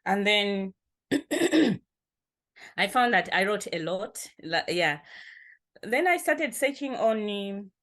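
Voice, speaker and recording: A woman from Malawi talks about her life and writing in an easygoing interview. Her voice sits at a middle pitch. She laughs readily and often repeats a word before finding the next thought. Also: very animated, slow, pauses often. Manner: warm, laughs often, repeats words while thinking. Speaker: poet and activist guest. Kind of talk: casual interview talk.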